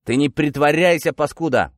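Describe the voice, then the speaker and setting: A man voicing an angry, harsh militia sergeant in an audiobook, shouting insults and orders. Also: on the high side, normal speed, dry recording, studio quality, pitched above the performer's own voice, lightly acted. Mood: scornful.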